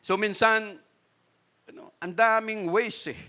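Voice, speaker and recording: Preaching slowly with fairly even intonation, this pastor from the Philippines has a high-pitched, sharp yet smooth voice. Asides and laughter run through his sermon, along with a repeated questioning "no?"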